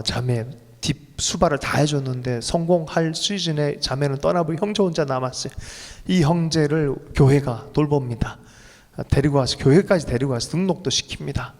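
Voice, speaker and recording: A man preaching as pastor of a church, emotional and leaping to sudden high bursts. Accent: Korean. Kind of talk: sermon. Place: church sanctuary. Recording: long reverb of a church hall.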